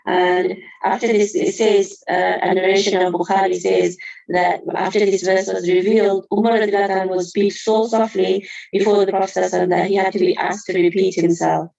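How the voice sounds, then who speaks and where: A woman with a medium-pitched, slightly mellow voice and some vocal fry leads an earnest Qur'an study lesson, carefully explaining verses and using reverent honorifics. The audio sounds dull.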